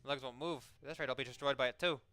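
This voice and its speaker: A man's voice: medium pitch, fairly even intonation, very fast, sharp tone, no echo. A sardonic, sweary man giving casual game commentary and reading the game's text aloud. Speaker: let's play host.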